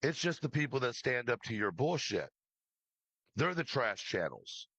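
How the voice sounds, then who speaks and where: His pitch sits mid-range but swings widely as he speaks at a normal speed, his voice husky and slightly bright, with no echo. He is a man who runs true crime livestreams, and here he rants passionately and scoldingly at someone not present, cursing freely and repeating phrases for emphasis.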